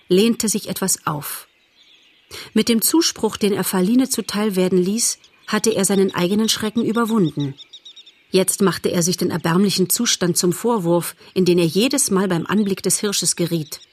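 A woman narrating a children's animal story in a measured, expressive audiobook reading. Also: mid-range voice.

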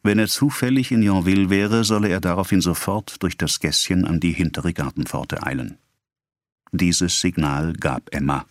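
A man reading a novel aloud as audiobook narration, in a measured, expressive way. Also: deep voice, no echo, studio quality.

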